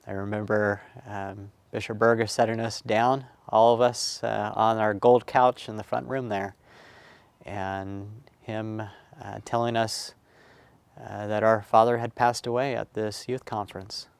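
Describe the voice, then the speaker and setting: A middle-aged man recounting childhood memories in a recorded oral history, reflective and halting with many pauses and fillers. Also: on the low side, little pitch movement, gravelly, clean tone, no room sound. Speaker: family history storyteller.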